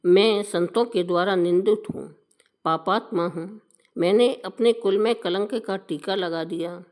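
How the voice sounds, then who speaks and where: A woman voicing a repentant old man full of remorse, in a slow, measured recitation. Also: mid-range voice, a little mellow, natural voice. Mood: remorseful.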